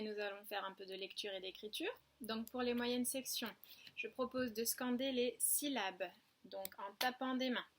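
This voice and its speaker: A woman kindergarten teacher giving a home video lesson to young children, with slow, patient instructions, counting aloud and repeating words. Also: on the high side, background noise.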